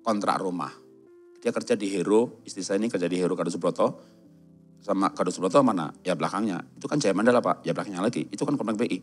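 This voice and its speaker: A middle-aged man with a voice, preaching a sermon in a church, telling stories and jokes and acting out the quoted voices. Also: lowish voice. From Java. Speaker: pastor. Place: large church hall.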